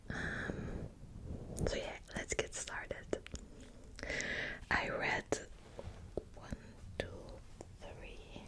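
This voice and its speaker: A young Belgian woman with a Dutch accent whispers softly and hesitantly while hosting her ASMR book channel, dropping in lots of little fillers.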